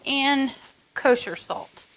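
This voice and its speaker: A woman's voice: high voice, slow, a bit bright, slight background noise. A woman hosting a casual cooking tutorial in her home kitchen, chatting viewers through each step. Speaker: cooking show host.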